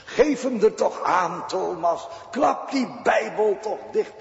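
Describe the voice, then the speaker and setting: A man's voice: sits high, expressive, slow, creaky, voice pushed up, heavily acted. A preacher acting out the devil, who urges a doubter in a coaxing way to give up his faith. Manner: coaxing, urging. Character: tempting devil whispering doubts, scornful. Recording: dull echoey church recording.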